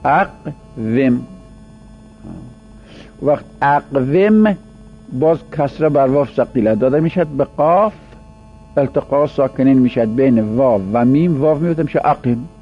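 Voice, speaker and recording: Man lecturing over a dull, humming recording. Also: mid-range voice. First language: Persian. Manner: explains slowly, drawing out example words. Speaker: teacher of Arabic grammar. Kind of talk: classroom lecture. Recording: dull lo-fi recording with mains hum.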